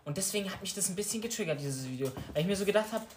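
A man's voice: high voice, animated, racing. A young man chatting casually with friends as a podcast co-host, slangy and mixing in English words. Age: young adult. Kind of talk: casual chat among friends. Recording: roomy echo, faint noise.

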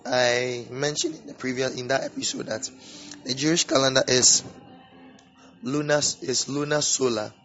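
A man hosting an informal religious teaching podcast with a sore, swollen-throat voice, speaking haltingly and repeating words. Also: mid-range voice, steady tone, fairly bright tone. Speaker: podcast host. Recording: dull lo-fi audio, music behind. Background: background music.

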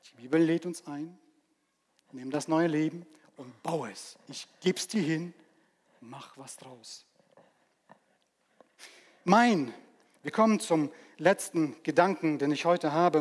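A man preaching a sermon, swinging between loud emphatic peaks and hushed asides. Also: a little high, a little slow, pauses often. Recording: long church reverb.

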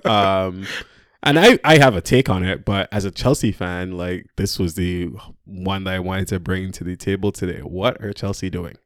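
Low-voiced laid-back podcast man. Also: normal speed, smooth, no echo, clean studio sound. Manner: laid-back, rambling, laughs often. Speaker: podcast co-host. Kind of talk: casual podcast chat.

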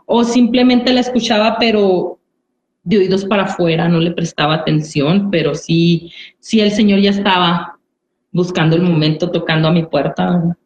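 A woman's voice: on the low side, fairly even intonation, normal speed. A woman giving an earnest personal church testimony, repeating phrases and often asking "¿verdad?". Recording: roomy, dull recording.

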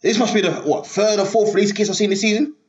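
A man's voice: high-pitched, quick pace, darkish tone. A young man with a London roadman accent hosting casual football banter in emphatic, sweary street slang. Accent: London roadman (multicultural London English). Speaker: football talk show host. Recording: echoey room, slightly narrow-band sound.

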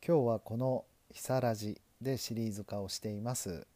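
Earnest low-voiced man, mellow and husky. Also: steady tone, dry recording. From Japan. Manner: earnest, self-deprecating, measured. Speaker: lawyer and podcast host. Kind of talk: solo podcast talk on learning English.

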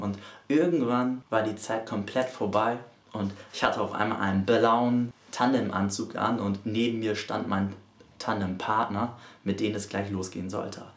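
A man hosting a podcast, telling a personal story in a reflective way and speaking straight to the listener. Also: mid-range voice. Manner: reflective, addresses listener directly. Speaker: podcast host. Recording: roomy echo.

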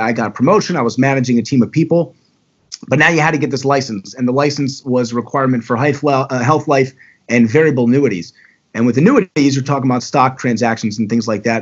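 A man's voice: medium pitch, breathy edge, muffled recording. A talkative man from the Baltimore area, telling his story candidly as a podcast guest. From Baltimore area, USA. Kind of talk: casual storytelling.

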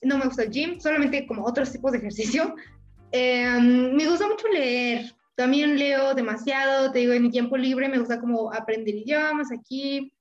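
A young woman with a Mexican accent chatting casually, animated and acting out her own thoughts as she talks. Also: high-pitched, moderate pace, roomy sound, highs cut off, faint music behind. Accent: Mexican Spanish. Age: young adult. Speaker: interviewee. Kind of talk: casual chat.

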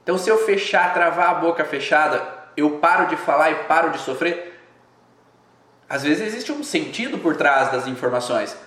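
A man talks through a live stream in a reflective, explanatory way. He repeats phrases and poses rhetorical questions, and his voice sits a little higher than most men's. The sound carries a roomy echo. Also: lively intonation, moderate pace, a bit bright. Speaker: host of a live video channel.

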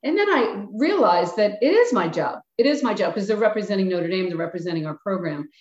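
An older woman from Philadelphia, a retired basketball coach appearing as a guest, gives reflective interview answers in a mid-range, darkish voice that moves fairly quickly and expressively. She's frank and plainspoken, acting out quotes from herself and her players. The room is echoey and dull, giving a roomy, muffled sound.

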